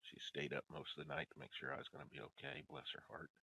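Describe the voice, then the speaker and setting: An older man with a folksy, rambling grandpa voice, gravelly and husky, casually reading news headlines and commenting on them. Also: extremely low pitch, little pitch movement, fast talker, pushed and bright, no echo.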